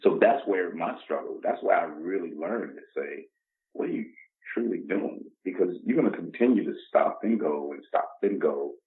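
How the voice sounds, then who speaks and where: The muffled, dull lo-fi recording captures an expressive, deep-voiced man speaking at normal speed. He's in his 50s, from the Bronx, New York, and as a podcast guest he talks casually and motivationally, emphatic and fond of acting out imagined dialogue.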